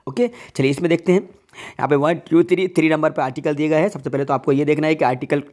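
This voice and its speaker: A man teaching an English grammar lesson. He reads example sentences slowly, word by word, and keeps checking in with the viewers using rhetorical questions. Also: a little high, fairly even intonation, darkish tone. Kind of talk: explanatory online lesson.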